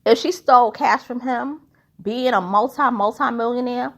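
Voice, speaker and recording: A woman's voice: on the high side, normal speed, a bit bright. A woman giving casual, opinionated commentary in an emphatic, blunt, colloquial way.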